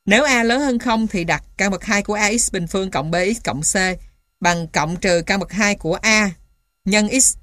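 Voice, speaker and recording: A woman reading scripted material as dictation, piece by piece, in a measured, matter-of-fact way, like an instructor. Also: mid-range voice, a bit bright, no echo, clean studio sound. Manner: dictating symbols and punctuation one piece at a time. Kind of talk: scripted dictation of maths formulas.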